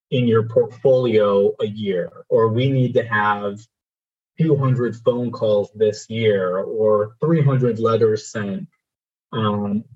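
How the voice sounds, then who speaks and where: A man cohosting as a fundraising trainer, explaining step by step in a measured way. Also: mid-range voice, husky, highs cut off. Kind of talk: explanatory advice talk.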